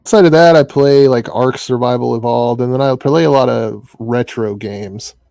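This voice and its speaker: A man from Iowa in the US Midwest, with the accent to match, chats casually as an interview guest, speaking haltingly and restarting often. His mid-range voice is warm with some vocal fry, and there's no room sound.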